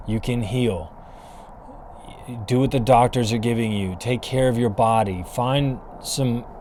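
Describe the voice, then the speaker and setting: A man's voice: medium pitch, a little mellow, a little hiss or hum. A man hosting his own podcast outdoors in the cold, talking in an earnest, encouraging way with frequent restarts. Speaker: podcast host. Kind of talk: casual solo podcast talk. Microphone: camera and mic, filming himself.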